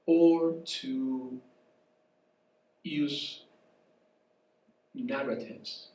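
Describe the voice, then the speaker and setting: Heard from far off in an echoey café, a soft-spoken, congested man with a Spanish accent takes part in a public conversation as a visiting professor. At a medium pitch and in a weak voice, he offers reflective, lecture-style remarks, pausing to find words and apologizing as he goes.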